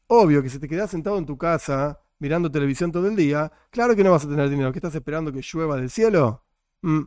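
Guy teaching religion class, lots of rhetorical questions and little jokes, kinda high voice, dry sound. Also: dry recording. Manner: lively, rhetorical questions, jokey asides. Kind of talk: classroom lecture.

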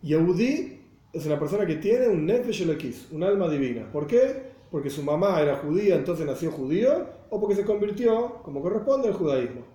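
With a somewhat high yet dark-toned voice, lively intonation, and a slightly fast pace, a man from Buenos Aires, Argentina, leads a religious class as a Torah teacher in Buenos Aires Spanish. He explains his points with rhetorical questions and checks that everyone follows. There's a roomy echo on the recording.

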